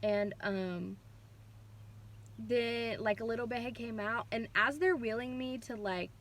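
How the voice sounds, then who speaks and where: A young woman vlogger casually retelling a personal story, chatty and animated, with lots of fillers. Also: a little high, unhurried.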